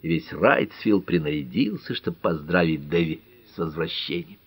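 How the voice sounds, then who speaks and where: A man narrating a detective audiobook with an expressive, dramatic reading. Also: low voice, moderate pace, slightly rough, dry recording. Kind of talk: scripted narration.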